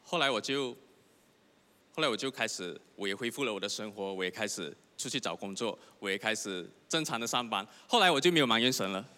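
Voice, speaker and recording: Young male preacher, earnest testimony, bright voice, big church reverb. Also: fairly low pitch, animated, brisk. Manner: earnest, repetitive, asks the congregation questions. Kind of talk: sermon with personal testimony. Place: church hall. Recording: long hall reverb.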